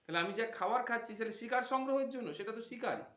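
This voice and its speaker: A man's voice: extremely high pitch, fast, fairly bright tone, reverberant. A man giving a devotional discourse, asking his listeners questions and answering them himself. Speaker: Bhagavata reciter.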